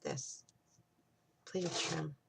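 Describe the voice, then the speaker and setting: A woman's voice: low voice, steady tone, extremely slow, gravelly, heavy background noise. A woman hosting a casual crafting tutorial, chatting and thinking aloud as she works, sometimes dropping to a whisper.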